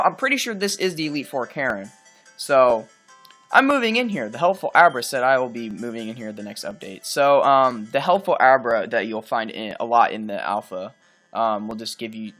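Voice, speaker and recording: A man's voice: mid-range voice, a bit bright. A man hosting a video game let's play, talking casually and rambling through his explanations with lots of fillers. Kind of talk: game commentary. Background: faint game music.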